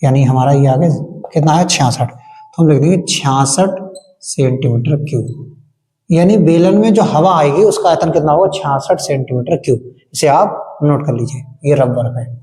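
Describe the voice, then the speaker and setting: A man's voice: fairly high pitch, normal speed, warm tone. A male maths teacher working board-exam problems step by step, asking questions and answering them himself. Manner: asks the class questions and answers them himself, chanting times tables. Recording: long hall reverb.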